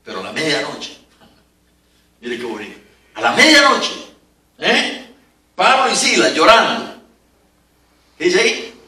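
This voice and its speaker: An older man preaching an animated sermon in a church, with chuckling asides. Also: a little high, measured pace, long pauses. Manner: animated, rising to emphatic peaks, chuckling asides. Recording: echoey church from a distance.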